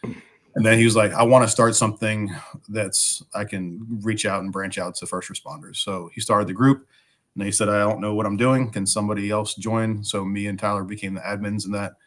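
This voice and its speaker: A man chatting casually as a guest, his voice raspy like a smoker's and hoarse from bronchitis, as he fights back a cough. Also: lowish voice, fairly even intonation, fairly quick, fairly bright tone. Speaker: guest, firefighter and podcaster. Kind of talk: casual chat.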